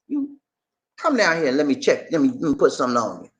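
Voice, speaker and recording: A man's voice: fairly high pitch, huge pitch swings, quick pace. A man from Charleston with a Southern Gullah Geechee accent, chatting casually to livestream viewers in a folksy, colloquial way and often repeating his phrases. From Charleston, South Carolina, USA. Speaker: livestream host.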